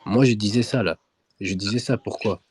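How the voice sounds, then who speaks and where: Husky low-voiced man, insistent debater. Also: normal speed, a little mellow, no echo. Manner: insistent, repeats demands. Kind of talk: heated online debate. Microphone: own microphone in an online voice room.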